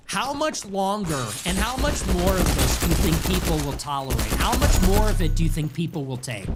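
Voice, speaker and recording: A young adult man hosting his own show, delivering an impassioned rant packed with rapid rhetorical questions and repetition. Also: high-pitched. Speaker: show host. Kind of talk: impassioned ranting monologue. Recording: noisy background.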